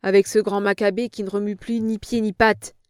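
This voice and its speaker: A crude, cynical henchman who snarls his lines in a rough, loud voice, as a woman narrator puts him on. The storybook reading is dry and close. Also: medium pitch, little pitch movement, fairly quick, no room sound, lightly acted. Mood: enraged, cynical. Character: cynical male thug, crude and coarse.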